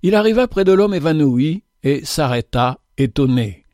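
A man giving a slow, theatrical reading of a moral parable in a preacherly manner. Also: a little high, animated, a little mellow, no echo, studio quality. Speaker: narrator.

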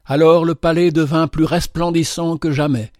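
A man narrates a literary tale in a measured, dramatic manner, his voice sitting slightly high for a man. He is miked close, and the sound is completely dry. Each sentence is delivered with storytelling weight. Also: fairly even intonation, darkish tone, no room sound.

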